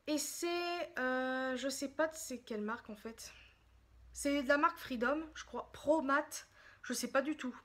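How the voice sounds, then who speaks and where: Excitable high-voiced woman vlogging. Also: measured pace. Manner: excitable, gushing, chatty and apologetic. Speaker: beauty vlogger. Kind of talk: casual makeup haul chat.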